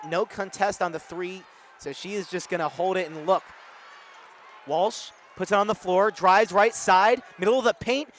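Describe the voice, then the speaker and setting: A man's voice: high-pitched, a little hiss or hum. Young man calling basketball play-by-play. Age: young adult. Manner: excited play-by-play calls, rising to shouts on scores. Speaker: student sportscaster. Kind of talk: sideline interview and play-by-play commentary.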